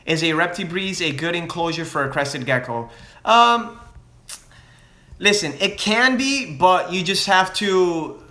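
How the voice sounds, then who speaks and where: This Floridian speaks in a high, expressive voice with a sharp edge, going a bit slowly as he fields viewers' questions about his reptile business during a relaxed livestream. His answers wander, restart repeatedly, and slip back and forth between English and Spanish, all in an echoey room.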